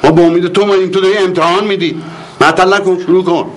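A man's voice: sits high, steady tone, noisy background. A man in a comedy sketch playing a stern uncle, boastful and commanding.

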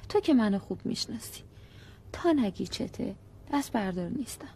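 A woman's voice: fairly high pitch, lively intonation, creaky, dark tone, slight background noise. An actress playing a worried wife who keeps pressing her brooding husband to say what is wrong, in a broadcast drama. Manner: persistent, coaxing.

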